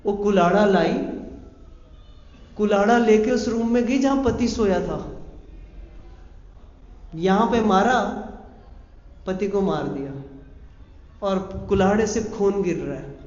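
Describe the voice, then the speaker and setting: A man telling a devotional story as a sermon, animated and full of rhetorical questions. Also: high-pitched, slow, pauses often. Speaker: preacher. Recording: echoey hall, dull sound.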